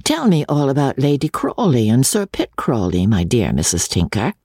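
A man's voice: mid-range voice, huge pitch swings, moderate pace, darkish tone, slightly rough, no echo, studio quality, full character voice. A man voicing a clever, sly young woman, speaking in a wry, coaxing way.

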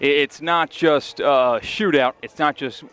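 A man co-hosting a live high school sports broadcast, giving steady, stat-driven analysis. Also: unhurried, smooth. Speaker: radio sports co-host analyst.

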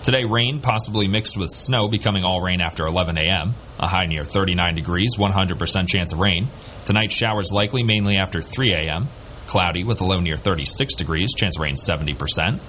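A man's voice: deep voice, brisk, bright, forceful tone. A man working as a local radio announcer, reading a scripted news, traffic and weather bulletin.

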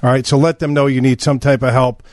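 A man's voice: mid-range voice, little pitch movement, fast talker, no echo, clean studio sound. A man hosting a radio show, joking and repeating the phone number. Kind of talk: casual radio talk.

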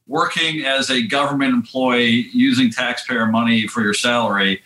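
A man's voice: mid-range voice, normal speed, roomy sound, poor audio. A man hosting a talk show, joking and telling stories in a casual news-chat style. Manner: joking, animated storyteller. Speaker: show host.

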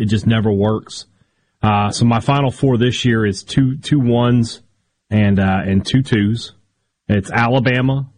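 Wry American man co-hosting sports radio. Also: medium pitch. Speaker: sports talk radio co-host. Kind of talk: casual sports talk banter.

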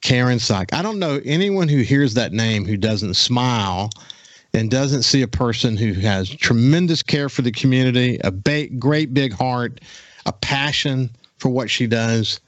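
A man's voice: mid-range voice, animated, unhurried, no echo, dull audio. Rambling male radio talk host. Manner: rambling, many restarts and fillers. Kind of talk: casual interview chat.

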